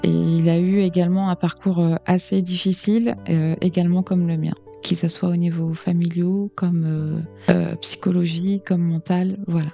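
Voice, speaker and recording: A woman being interviewed as a guest, speaking earnestly and reflectively about herself in a halting way. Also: on the low side, flat delivery, creaky, dark tone, dull audio, faint music behind. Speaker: interview guest, decorative painter. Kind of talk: radio interview, personal account.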